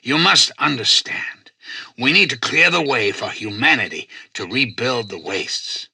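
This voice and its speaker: A male computer president for a video game, polite yet commanding and quietly manipulative. The voice is very bright and forceful with some huskiness, swinging widely in pitch. The delivery is measured, formal and persuasive, with a faint note of condescension. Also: slightly rough, no room sound, exaggerated voice. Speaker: voice actor. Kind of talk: video game character dialogue.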